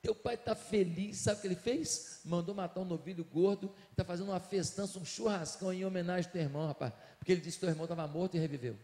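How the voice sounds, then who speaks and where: A pastor, preaching a sermon as a dramatic storyteller who swings from hushed lines to shouting. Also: male voice, sits high, fast, hardly any pauses. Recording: echoey hall.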